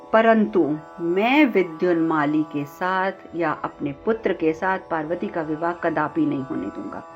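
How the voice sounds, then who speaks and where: A woman's voice: lowish voice, close to an everyday voice. A male serpent king, torn and penitent, argues with himself in a brooding voice, as a woman storyteller acts him out. The sound is slightly dull. A faint sitar plays behind. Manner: brooding, repeating himself in inner struggle.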